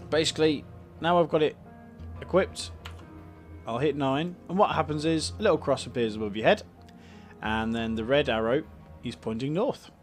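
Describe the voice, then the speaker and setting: A British man hosting a let's play, casually explaining a game's menus and items with frequent ums and uhs. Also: mid-range voice. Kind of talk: casual game commentary.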